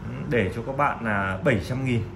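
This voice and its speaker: A man gives a casual, halting sales pitch as a shop seller, often repeating himself. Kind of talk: casual sales pitch presenting used phones. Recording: clearly noisy room recording.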